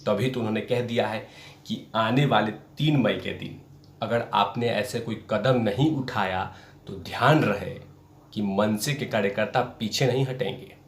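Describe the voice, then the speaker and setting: In an echoing, roomy space, a man with a lowish voice hosts political news commentary at a normal speed. He's emphatic and likes repeating phrases for impact.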